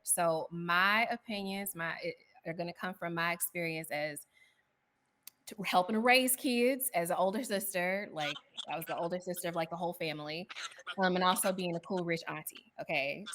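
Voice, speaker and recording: Bright-voiced woman on a panel. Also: on the low side. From Houston, Texas. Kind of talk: casual panel chat.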